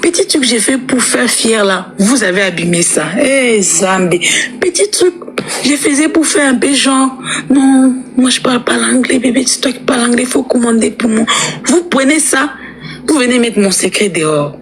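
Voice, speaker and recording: A livestream host from the Democratic Republic of the Congo, speaking with a Congolese French accent, chats playfully with her followers, teasing them and repeating words. Her voice is a little high and expressive, her pace moderate, with slight background noise.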